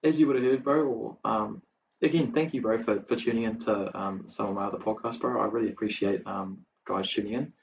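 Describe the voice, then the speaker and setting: A man's voice: lowish voice, steady tone, a little fast, gravelly. A man with a New Zealand accent interviewing as a podcast host in casual, slangy, hesitant phrasing. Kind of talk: casual chat. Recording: dull, distant mic with faint noise.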